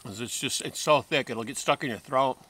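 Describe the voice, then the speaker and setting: This fifty-something food vlogger talks fairly quickly in a mid-range voice with a sharp tone. He's seated on a bench outdoors in a wooded park, casually reviewing snacks to the camera and reacting with frequent mms and exclamations.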